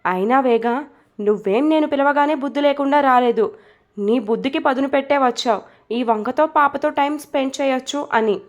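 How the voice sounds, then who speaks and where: A woman's voice: sits high, a little fast, muffled recording, close to an everyday voice. A woman voicing an impatient young husband who teases and scolds in a snappy way. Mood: scolding.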